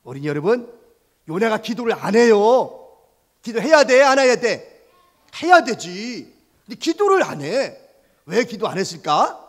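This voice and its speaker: Male Sunday school preacher: high, very lively storytelling, asks the kids questions. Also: a little slow, pauses often. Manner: animated, asks children questions, voices sound effects. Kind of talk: storytelling sermon for children.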